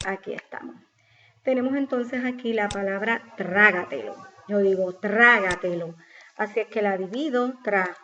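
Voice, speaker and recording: A woman's voice: medium pitch, moderate pace, fairly bright tone. Patient woman teacher explaining step by step. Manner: patient, step-by-step, asks and answers own questions. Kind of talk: explaining a grammar exercise. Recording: slightly dull lo-fi recording with faint noise.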